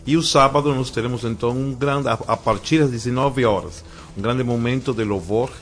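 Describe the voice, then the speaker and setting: A middle-aged Cuban man with a Cuban accent, a pastor speaking as a radio interview guest in a calm, measured way. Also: mid-range voice. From Cuba. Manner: calm, measured, repeats affirmations.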